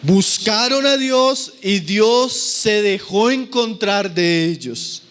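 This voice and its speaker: A man's voice: high voice, animated, takes it slowly, fairly bright tone, clean tone. A man preaching a sermon at a church camp, earnest and pleading, speaking often to his listeners as brothers.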